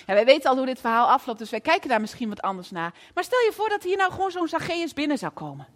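High-voiced woman preaching a sermon. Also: quick pace, big-room sound. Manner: lively storytelling, asks the audience questions.

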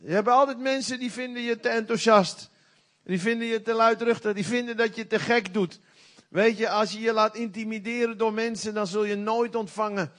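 A middle-aged man preaching a sermon in a folksy, animated way with sudden loud outbursts. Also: high-pitched, normal speed.

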